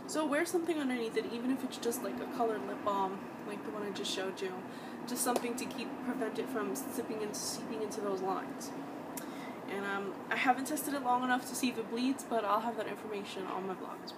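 A woman in her twenties reviewing beauty products in her bedroom, talking chattily and with enthusiasm, with frequent ums and restarts. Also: fairly high pitch. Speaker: beauty vlogger. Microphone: webcam at desk distance. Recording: distant mic, loud background noise.

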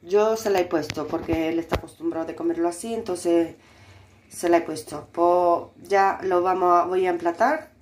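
A woman's voice: lowish voice, fairly even intonation, normal speed, darkish tone, slight background noise. A woman, co-host of a home cooking show, chatting casually and using fond diminutives as she cooks.

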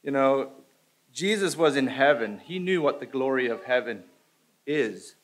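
A man's voice: mid-range voice, expressive, low-quality recording. A man in his forties, a church elder, talking informally at a church podium with frequent restarts. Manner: halting, informal, many restarts. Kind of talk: church announcements and scripture reading. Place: church sanctuary stage. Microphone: podium microphone.

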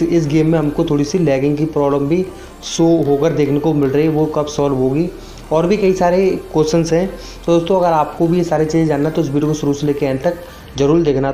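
A young man with a fairly high, dark-toned voice hosts a YouTube gaming channel, delivering a casual update voice-over over background music. He repeats himself and calls his viewers friends.

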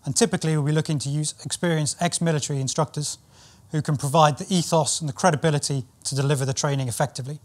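A British man in his thirties with a slightly higher-pitched voice presents to camera. He explains technical matters in a measured way, as a company training specialist would. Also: fairly even intonation. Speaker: company training specialist and former military pilot.

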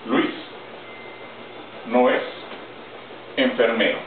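A man teaching English grammar in Spanish, slow and deliberate, spelling out each example word by word. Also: mid-range voice, steady tone. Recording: roomy, distant, phone-like audio with faint noise.

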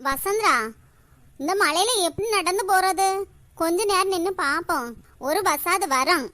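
A woman's voice: extremely high pitch, normal speed, sharp tone, no echo. A woman voicing fretful, gossipy village women in a cartoon. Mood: worried. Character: chatty village women, mother and neighbours. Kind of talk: cartoon voice acting.

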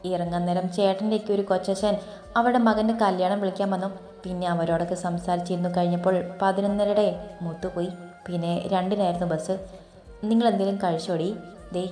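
Woman voicing a chatty middle-aged aunt, brisk, talkative, roomy echo. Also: fairly low pitch, dark tone, close to an everyday voice. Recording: roomy echo, faint background music.

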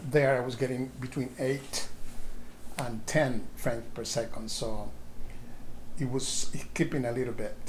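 A man casually explaining his flight sim setup in a home room full of monitors, talking into a handheld camera's mic in a relaxed, hesitant way with lots of "uh"s and restarts. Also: mid-range voice, slight background noise, rough recording. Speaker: flight sim hobbyist vlogger.

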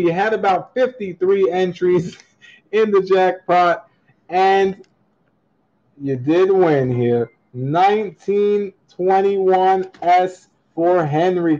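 Slow, mellow livestream coin auction host. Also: male voice, high-pitched. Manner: upbeat, reads chat comments aloud and laughs often. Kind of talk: casual livestream chat. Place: indoor room at a table with coins, voice off camera. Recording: slightly dull lo-fi webcam audio.

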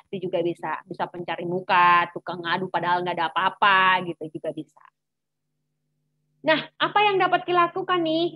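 A woman's voice: mid-range voice, a bit bright, no room sound, rough recording. A woman teacher giving a chatty informal lesson to teens, full of fillers and acted-out taunts. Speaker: teacher giving an anti-bullying talk.

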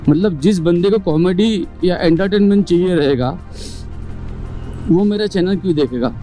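This young motovlogger chats casually to the camera in a high, dark-toned voice. He lays out his points one at a time in numbered order, sprinkling in English words and tossing out rhetorical questions.

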